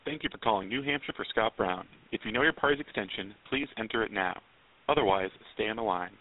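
A man's recorded greeting heard over a landline phone, read as a flat announcement. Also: lowish voice, fast talker. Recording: tinny phone line.

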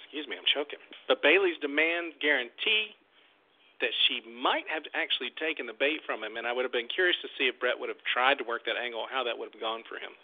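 A man hosts a casual commentary show, laying out his opinions and speaking straight to his listeners. His voice sits at an ordinary pitch. It comes through thin and narrow, like a phone line. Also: a little fast. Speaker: podcast host. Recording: tinny phone-like audio.

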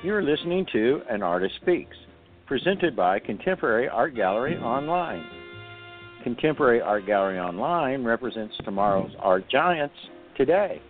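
A man's voice: mid-range voice, sing-song, normal speed. A man hosting an interview show, reading a scripted introduction and then talking casually with his guest. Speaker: host. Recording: phone-like sound with faint music.

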